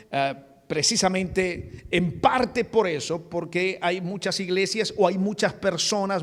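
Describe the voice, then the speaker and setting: A man's voice: high voice, long reverb tail. A man preaching earnestly as a pastor, calling his listeners beloved. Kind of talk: sermon.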